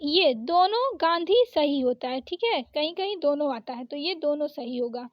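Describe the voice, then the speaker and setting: Very high woman's voice, lecture drill, dry and muffled home recording. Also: lively intonation, no echo. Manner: drills wrong and right forms in quick pairs. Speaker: teacher. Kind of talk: exam-prep spelling lesson. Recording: dull, dry close recording.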